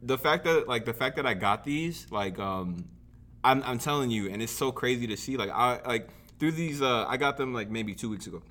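A man's voice: mid-range voice, animated, moderate pace, fairly bright tone. A young man with a mid-range voice rambles through casual podcast chat. He leans on filler words and slang and circles around his point before he gets there. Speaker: podcast co-host.

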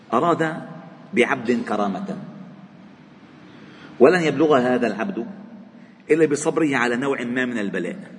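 A man with a Lebanese accent teaching a religious lesson in a mosque, telling stories expressively and rising sharply when voicing people in them. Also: mid-range voice. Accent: Lebanese Arabic. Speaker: sheikh teaching a religious book. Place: mosque hall. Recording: long hall reverb, faint background noise.

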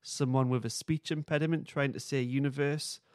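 A podcast co-host talks in loose, informal conversation, his mid-range voice steady in tone and moderate in pace. The recording is clean studio sound without echo.

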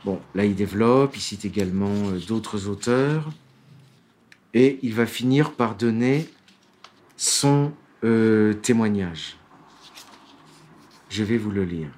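A man's voice: fairly low pitch, takes it slowly, long pauses, a little mellow. A man giving a law lecture in French, reading quotations aloud and talking with many fillers and restarts. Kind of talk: lecture with read-out quotes.

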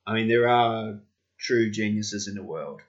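A man's voice: lowish voice, measured pace. A man talking casually as a podcast co-host. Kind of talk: casual chat. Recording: dull, lo-fi sound.

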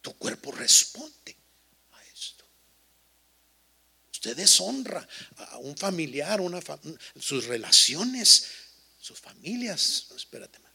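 Joking bilingual pastor with a gravelly voice. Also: male voice, on the high side, sing-song, slow, pauses often, sharp tone. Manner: joking, teasing the congregation, switching between Spanish and English. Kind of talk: lively bilingual sermon.

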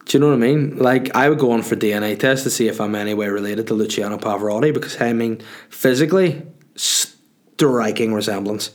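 Speaking fast in a lowish voice with fairly even intonation, a sniffly, cold-stricken podcast host chats casually by himself. He rambles and swears while bluntly responding to his listeners' questions.

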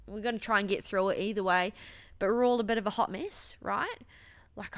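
A woman in her 30s who owns a gym and hosts a podcast speaks with a mid-range, fairly bright voice. Her casual monologue rambles, runs emotional, and is full of swearing.

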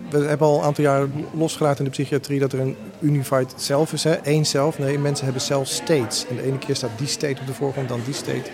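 A man's voice: mid-range voice, little pitch movement, crowd noise. A man explaining psychiatric ideas as an expert guest. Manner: explaining, rapid. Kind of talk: explanatory interview talk.

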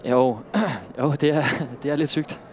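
A man's voice: a little high, animated, a little mellow, close to an everyday voice. An actor playing a concerned, earnest male friend who hesitates and stumbles over false starts. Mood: worried. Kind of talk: film drama acting.

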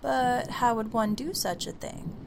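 Brief: prim, indignant schoolgirl, voiced by a woman, slow and proper, hiss behind. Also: fairly high pitch, gravelly, pitched above the performer's own voice.

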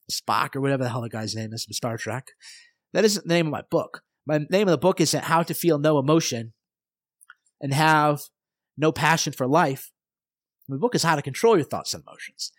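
A man's voice: a little high, no room sound, studio quality. Fired-up, emphatic man hosting a podcast. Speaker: podcast host. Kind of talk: solo motivational podcast monologue.

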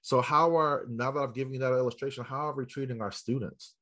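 American male educator as podcast guest, medium pitch, emphatic storyteller who talks straight to the audience. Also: fairly even intonation, quick pace, a bit bright. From South Central Los Angeles, United States. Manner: emphatic, addresses listeners directly, rhetorical questions. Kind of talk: storytelling interview answer to a live audience.

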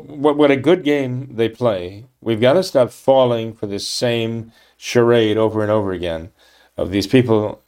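A man with a somewhat low voice delivers a political commentary monologue. He reads from an article and stops to comment emphatically and indignantly. He often restarts his sentences and ends points with quick tag questions. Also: a little mellow. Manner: emphatic, indignant, with frequent restarts and "okay? right?" tags.

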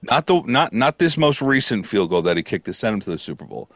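A man's voice: on the low side, big pitch swings, brisk, a bit bright, dry recording. A man with an American accent in a casual sports debate, opinionated, argumentative and swearing freely.

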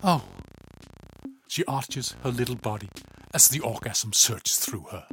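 A man reading a story aloud in calm, even scripted narration, often low and hushed. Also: normal speed, slight background noise.

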